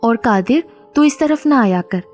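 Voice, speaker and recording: A woman's voice: on the high side, lively intonation, a little slow, a little mellow, soft background music. A woman reading the part of a stern elderly grandmother who scolds the household. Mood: scolding.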